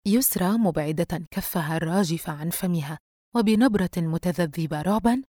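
A woman's voice: on the low side, moderate pace, mellow, dry recording. Woman narrating an audiobook, dry. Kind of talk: scripted horror narration.

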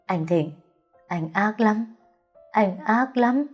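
A woman voicing a scheming young wife who pleads in a shrill voice in an audio story. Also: animated, extremely slow, soft background music. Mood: pleading.

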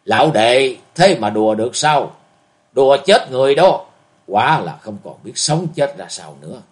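A man's voice: medium pitch, expressive, moderate pace, lightly acted. A man voicing a cold, lecturing old martial healer in a storybook reading. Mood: scornful.

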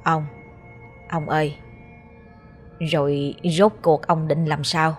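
A woman with a Southern Vietnamese accent voicing an anxious, devoted old wife who pleads softly and worriedly. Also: low-pitched, little pitch movement, slow pace, soft background music.

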